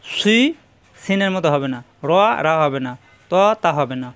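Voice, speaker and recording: A man teaching Quran pronunciation, sounding out each syllable slowly and methodically and now and then chanting a verse. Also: on the high side, lively intonation, a bit bright, clean tone. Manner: breaks into slow chanted recitation. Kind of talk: tajweed pronunciation lesson.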